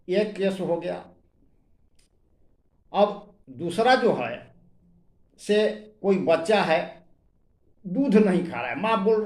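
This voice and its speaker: A man's voice: high voice, darkish tone, echoey room. A man, a homeopathy doctor, teaching a medical lesson and reading out repertory rubrics word by word with stress.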